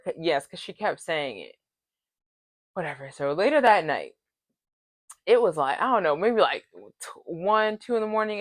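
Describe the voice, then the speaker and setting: Woman vlogger, lowish pitch, dry close sound, chatty and animated recap delivery. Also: no echo. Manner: chatty retelling, full of "like" and quoted dialogue. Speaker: reality show recap vlogger. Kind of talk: casual recap vlog.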